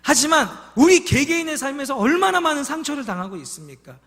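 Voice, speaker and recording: A man's voice: extremely high pitch, sing-song, fast talker, a bit bright, in a large hall. A man preaching a sermon as a pastor, telling stories with feeling and asking the congregation questions. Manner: emotional storytelling, asks the congregation questions. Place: church sanctuary.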